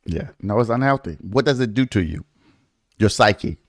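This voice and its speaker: A man's voice: fairly low pitch, expressive, normal speed, no room sound, clean studio sound. A man hosting a casual true-crime podcast, blunt and opinionated, acting out quotes in his speech. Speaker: podcast host.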